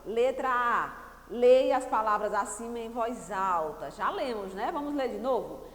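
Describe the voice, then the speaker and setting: Slow, patient Brazilian teacher in an echoey room. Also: female voice, a little high, expressive. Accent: Brazilian Portuguese. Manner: patient, repeats key words and quizzes pupils. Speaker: primary school teacher. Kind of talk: recorded class lesson for children. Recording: echoey room with long reverb.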